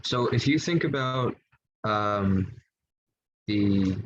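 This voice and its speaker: A man's voice: on the low side, lively intonation, drawn-out words, a little hiss or hum. Hesitant male student, dull lo-fi audio. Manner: hesitant, searching for words. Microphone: video call. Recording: dull lo-fi video call audio.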